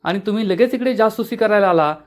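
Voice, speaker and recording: A man voicing a gentle young woman from a TV serial, soothing and pleading as she calms others. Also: sits high, fast, pitched above the performer's own voice, close to an everyday voice.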